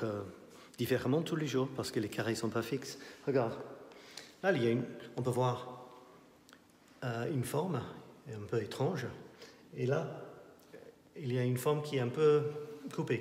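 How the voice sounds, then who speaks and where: A man's voice: medium pitch, darkish tone. Middle-aged guy w english accent walking thru his art show, lots of ums, phone mic, roomy gallery echo. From not French. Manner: hesitant, many fillers and restarts, thinking aloud. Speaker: artist giving a tour of his exhibition. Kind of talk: casual guided tour. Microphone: handheld phone at arm's length, walking.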